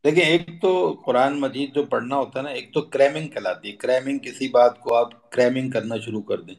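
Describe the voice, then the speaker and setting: A middle-aged man teaching a religious lesson in an earnest, explanatory way, repeating phrases for emphasis and mixing in English words. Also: medium pitch. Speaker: Quran teacher.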